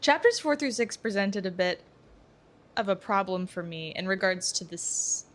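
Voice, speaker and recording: A woman's voice: medium pitch, lively intonation, moderate pace. A young woman co-hosting a casual book-discussion podcast, eager and thinking aloud as she talks. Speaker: podcast co-host.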